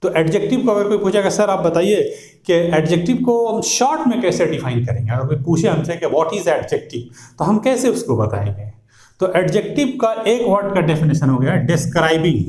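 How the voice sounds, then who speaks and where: A man's voice: sits high, darkish tone, reverberant. A man teaching English grammar, repeating words, drilling pronunciation and quizzing his listeners. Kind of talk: classroom grammar lecture.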